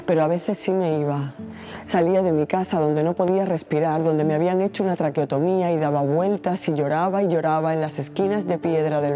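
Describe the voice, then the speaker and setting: A woman in her forties, a poet reciting her own poem in a measured, solemn way. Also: sits low, dark tone. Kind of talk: poetry reading.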